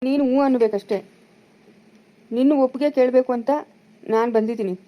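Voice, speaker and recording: A woman's voice: on the high side, a little fast, dark tone, natural voice. A woman playing a bossy village brother-in-law in a family drama, scolding and commanding in a rural Chikkaballapura Kannada accent. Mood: persuading.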